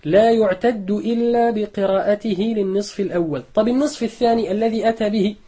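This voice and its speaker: A man, a sheikh, teaching a fiqh lesson in measured explanation, repeating key rulings and reciting examples. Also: sits high, dark tone, husky. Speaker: sheikh teaching Shafi'i jurisprudence.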